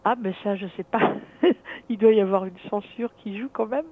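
Middle-aged woman on a tinny phone line. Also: mid-range voice. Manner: reflective, halting, thinking aloud. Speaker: caller consulting a dream analyst. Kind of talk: hesitant personal conversation.

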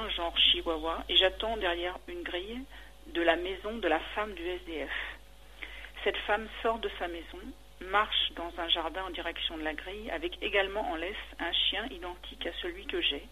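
Woman caller on a radio call-in, crisp bright tone, narrates evenly, falters under questions. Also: lowish voice, rough recording. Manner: halting and hesitant when answering; steady retelling of a dream. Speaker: caller describing a dream.

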